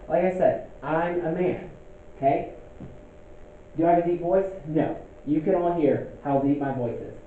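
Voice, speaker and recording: A young male teacher gives a relaxed, conversational classroom lecture, regularly stopping to check in with "okay?". His voice is slightly high for a man, and the thin, phone-like audio carries heavy room echo and a faint hiss.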